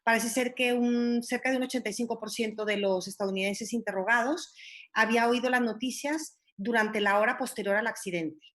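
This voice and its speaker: A woman's voice: a little high, steady tone, a little fast, a bit bright. A woman in her forties, a panelist on a live stream, recalling past events with hesitant restarts. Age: 40s.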